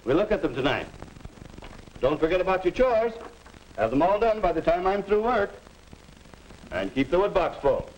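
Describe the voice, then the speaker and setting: A man's voice: high voice, very animated, normal speed, long pauses, darkish tone, low-quality recording. An actor playing a genial, easygoing father in the folksy style of a 1950s educational film. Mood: genial, contented. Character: cheerful, easygoing middle-class father.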